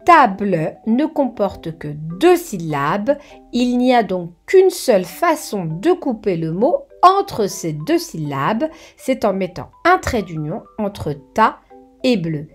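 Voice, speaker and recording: A woman giving a children's grammar lesson, speaking slowly and clearly, breaking words into syllables and asking the viewer questions. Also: mid-range voice. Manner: slow and clearly articulated, syllable by syllable; addresses the viewer warmly with questions. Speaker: teacher. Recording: soft background music.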